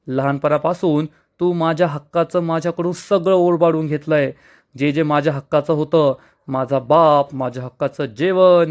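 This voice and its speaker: A man's voice: a little high, close to an everyday voice. Snappy arrogant young woman from a tv soap, read out by a guy, rude and defiant.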